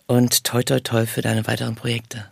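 A man's voice: mid-range voice, completely flat delivery, moderate pace, gravelly, husky, no room sound. A man interviewing a guest and presenting in a studio, chatty and friendly.

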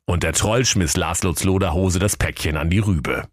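Brief: low male narrator, mock-solemn comic fairy tale, dry close sound. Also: normal speed, no room sound.

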